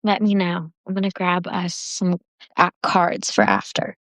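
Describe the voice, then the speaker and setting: A woman's voice: lowish voice, very animated, measured pace, fairly bright tone, no room sound. A woman hosting a self-love workshop on a livestream, talking casually with lots of "like" fillers after a guided meditation. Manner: chatty, with frequent "like" fillers. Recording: dry, slightly dull lo-fi livestream audio.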